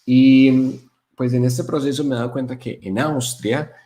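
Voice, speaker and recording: A man's voice: mid-range voice, a little slow. A young man from Colombia with a Colombian accent, a guest telling stories in a casual interview with many fillers. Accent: Colombian Spanish (Paisa). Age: young adult. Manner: animated storyteller, many fillers. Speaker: guest, software developer.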